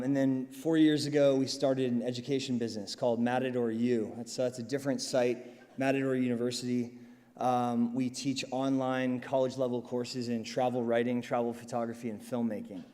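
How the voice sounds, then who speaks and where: A man's voice: medium pitch, a little mellow. A man moderating a conference panel, upbeat and chatty, with many ums and uhs. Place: large conference hall. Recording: long hall reverb.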